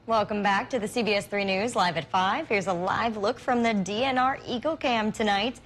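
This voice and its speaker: A woman's voice: mid-range voice, normal speed, fairly bright tone, slight background noise. A woman news anchor welcoming viewers back and reading friendly links between stories. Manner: friendly show host reading links and teases.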